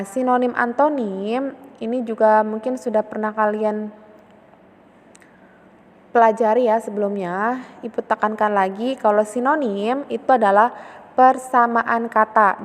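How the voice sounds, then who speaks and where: A woman's voice: on the high side, big-room sound. A woman teacher patiently explaining a lesson, often checking in with a short "ya" as she repeats her points. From Indonesia.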